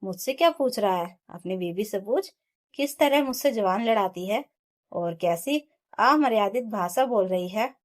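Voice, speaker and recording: Woman narrator doing a strict, sharp-tongued storybook mother-in-law, mid pitch. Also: expressive, a little slow, lightly acted. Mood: scolding. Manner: sharp, scolding. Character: stern scolding mother-in-law.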